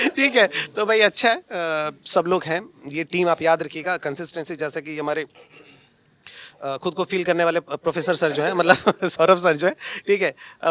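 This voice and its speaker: A man's voice: high-pitched, sharp tone. A young man, a coaching teacher, chatting casually and teasing his colleagues with frequent laughs. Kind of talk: casual joking chat among colleagues.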